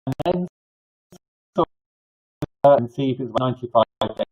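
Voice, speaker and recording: An older man with toothless, slightly slurred articulation gives informal live advice as a clinic host, in a halting, rambling way with false starts and repetitions. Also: medium pitch, expressive, a little mellow. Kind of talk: informal live advice, answering viewer questions. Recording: dull, lo-fi sound.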